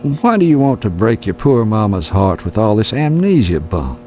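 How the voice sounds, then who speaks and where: An actor voicing a folksy, skeptical small-town sheriff in a video game, paternal and admonishing, with a drawl. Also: male voice, on the low side, big pitch swings, normal speed, darkish tone, a little hiss or hum. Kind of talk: video game character acting.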